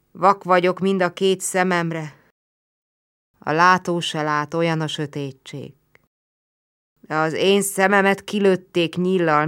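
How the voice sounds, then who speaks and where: A woman's voice: fairly low pitch, fairly bright tone, smooth, lightly acted. A woman voicing a blind, wounded Roman soldier who pleads wearily for water. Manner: pleading, weary.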